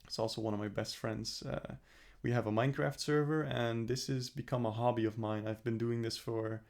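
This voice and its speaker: A man's voice: mid-range voice, fairly even intonation, normal speed, vocal fry, darkish tone. A young man talking through his plans in a casual, earnest vlog, rambling and correcting himself as he goes. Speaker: vlogger. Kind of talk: casual self-reflective vlog.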